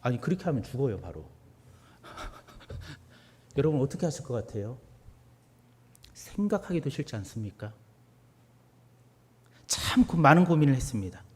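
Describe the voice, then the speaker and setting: A man preaching a sermon, moving between hushed questions and loud, emphatic declarations. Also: mid-range voice, sing-song, moderate pace, pauses often, breathy edge. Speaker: pastor. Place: church sanctuary. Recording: long church hall reverb.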